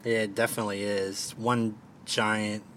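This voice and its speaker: Recorded in a parked car on a home podcast mic with slight background noise, a Maryland man with a Baltimore accent hosts casual podcast chat. His lowish voice is flat and fairly bright, his pace measured, and he jokes and swears freely.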